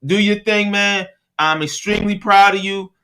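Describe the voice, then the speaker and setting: A male podcast host chatting in a relaxed, friendly way and trailing off as he searches for words. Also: high-pitched, normal speed, smooth. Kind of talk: casual podcast interview.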